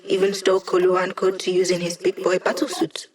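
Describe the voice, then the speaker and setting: A woman's voice: on the low side, monotone, fairly quick, close to an everyday voice. A woman playing an upbeat, wry young female hacker living as data, giving casual, teasing mission support in a video game. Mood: wry, playful. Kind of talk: video game voice lines over comms.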